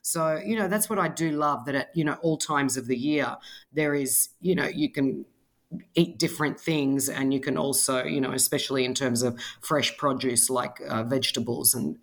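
A woman's voice: a bass voice, steady tone, moderate pace. A woman with an Australian accent, a cookbook author chatting in an interview, explaining dishes with lots of casual fillers. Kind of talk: conversational interview.

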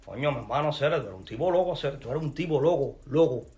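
In an animated, fast, mid-range and slightly mellow voice, a Cuban musician with a Cuban accent angrily rants at someone on camera. He curses and repeats himself heatedly, with soft background music underneath.

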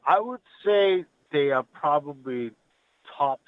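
A man's voice: on the high side, expressive, takes it slowly, no room sound. Man on a dull, lo-fi call. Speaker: regular podcast guest giving fishing reports. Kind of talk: casual fishing report.

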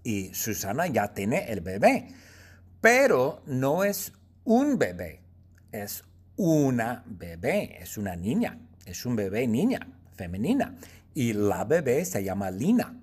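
A male teacher telling a silly story to learners, slow and repetitive, playful, with sound effects and laughs. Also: mid-range voice, wildly swooping pitch, slightly rough. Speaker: language teacher.

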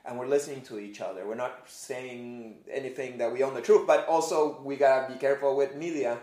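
A man's voice: mid-range voice, steady tone, fairly quick, mellow. Male artist guest, earnest reflective talk, roomy recording. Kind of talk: casual conversation. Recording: roomy echo.

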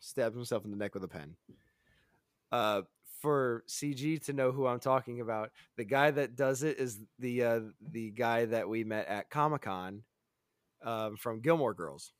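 A man's voice: mid-range voice, measured pace, no room sound, studio quality. A man co-hosting a casual chat, rambling, stuttering and laughing as he talks. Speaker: podcast co-host. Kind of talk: casual chat reviewing a show.

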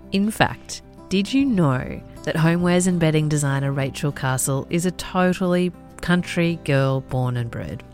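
A woman hosting a podcast, reading a smooth intro and asking relaxed questions. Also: sits low. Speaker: podcast host. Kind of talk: scripted intro then casual interview.

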